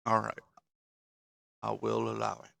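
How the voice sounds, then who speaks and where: A man narrating a tabletop game as dungeon master, halting and restarting often. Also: on the low side, monotone, vocal fry, fairly bright tone, no room sound. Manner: halting, with many restarts and fillers.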